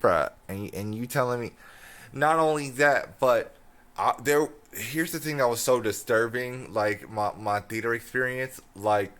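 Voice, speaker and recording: A man's voice: mid-range voice, measured pace, fairly bright tone. Drunk, rambling American man on a rant. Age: young adult. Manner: rambling, slangy, incredulous, repeating himself and stumbling over words. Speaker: film ranter. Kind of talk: casual rant.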